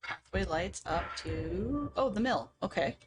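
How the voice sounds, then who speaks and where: A woman's voice: medium pitch, animated, a little slow, background noise. A woman casually talking to herself as she works through a puzzle game on a live stream, with dry sarcastic asides.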